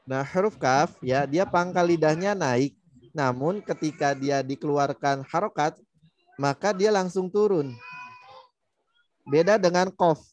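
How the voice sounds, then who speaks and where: A man's voice: fairly high pitch, unhurried, darkish tone. Patient man teaching recitation. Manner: patient, demonstrates letter sounds repeatedly. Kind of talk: online tajwid lesson.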